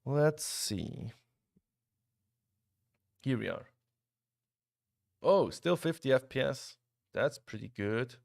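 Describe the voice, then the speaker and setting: A young Swiss man gives casual live-stream commentary as he plays, talking to chat and frequently starting his sentences over. His medium-pitched voice is gravelly and slow, with long pauses. The studio-quality audio has no echo.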